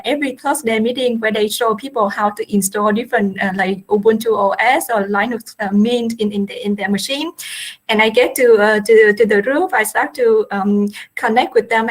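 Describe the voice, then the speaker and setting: Casting: young woman from Vietnam, fairly high voice, halting panel talk. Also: low-quality recording. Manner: hesitant, many fillers.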